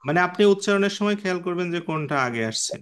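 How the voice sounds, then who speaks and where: A man's voice: sits high, lively intonation, very fast, clean tone. A man teaching an online class, patiently explaining and quizzing students by name. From Bangladesh.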